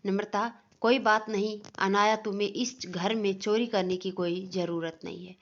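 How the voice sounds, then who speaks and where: Gentle young daughter-in-law, read by a woman. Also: mid-range voice, steady tone, moderate pace, natural voice. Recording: dull lo-fi recording.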